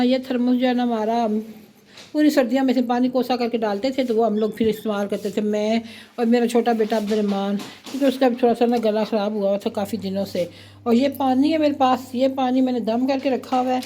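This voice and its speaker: A woman's voice: on the high side, steady tone, fairly quick, warm tone, slight background noise. Chatty middle-aged woman with a sore throat. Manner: chatty, homely, with frequent religious phrases. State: sore throat, voice a little heavy. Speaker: cooking and home vlogger. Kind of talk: casual home vlog narration. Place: home kitchen and courtyard.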